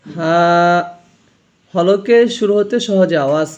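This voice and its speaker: A man's voice: high voice, a little fast, creaky, a little mellow. A man teaching a Quran reading lesson, explaining how letters are pronounced and repeating each sound for learners to copy. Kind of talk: slow spoken lesson on letter pronunciation.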